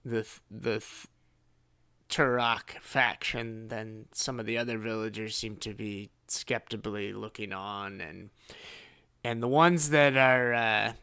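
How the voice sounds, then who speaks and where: Brief: male game master, slow halting narration, gravelly bright voice. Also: lowish voice. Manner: halting, many fillers and restarts.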